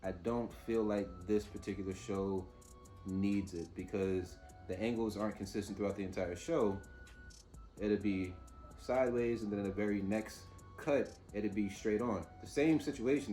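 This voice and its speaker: A man hosting TV episode reviews speaks casually and off the cuff, informal and opinionated as he thinks aloud. His voice is lowish and a little mellow.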